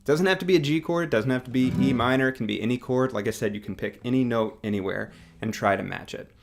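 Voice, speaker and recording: A man teaching singing with a guitar, explaining in a relaxed, casual way, with guitar playing under his voice. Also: on the low side, vocal fry. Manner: relaxed explaining, demonstrating on guitar, hums along with notes. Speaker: music teacher.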